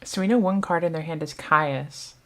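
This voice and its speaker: A woman with a Southern US accent talks through a card game tournament as its commentator. Her voice sits a little low, and she is chatty, thinking aloud and picking up viewers' questions as she goes. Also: normal speed. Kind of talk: casual live game commentary.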